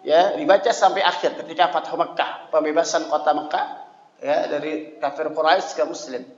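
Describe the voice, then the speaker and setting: A man's voice: on the high side, fairly even intonation, normal speed. A man teaching religion to a study circle in a chatty way, reading Arabic lines, explaining them and checking in with the audience. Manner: reads Arabic lines then explains them, chants verses in between; conversational, with frequent "ya" checks to the audience. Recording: echoey hall with long reverb, dull lo-fi sound.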